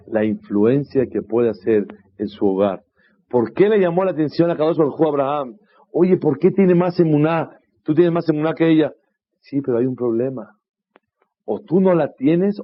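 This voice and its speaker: A man, a rabbi, giving a sermon in an animated storytelling way, asking rhetorical questions and acting out the voices in his stories. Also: medium pitch, breathy edge. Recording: dull lo-fi recording.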